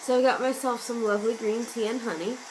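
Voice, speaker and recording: A woman vlogger, hoarse and losing her voice, musing in a chatty, meandering, self-mocking way. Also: fairly high pitch, steady tone, fast talker, background noise. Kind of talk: casual musing vlog. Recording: loud rain and thunder sounds from an app behind the voice. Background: rain and thunder ambience sounds.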